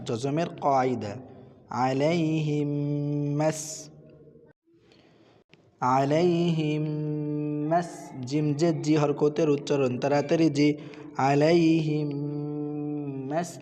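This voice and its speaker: A man's voice: fairly high pitch, dark tone, big-room sound. A man teaching Quran recitation, patiently spelling out letters and vowel marks and repeating each word before reciting it.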